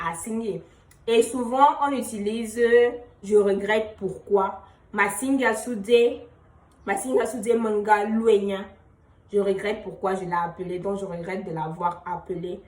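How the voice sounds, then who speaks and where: A woman teaching a relaxed spoken language lesson at a middle pitch. She repeats each example phrase slowly and drops to a quiet murmur as she explains it. The room echoes, and she sits a little back from the microphone. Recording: roomy echo, voice a bit far from the mic.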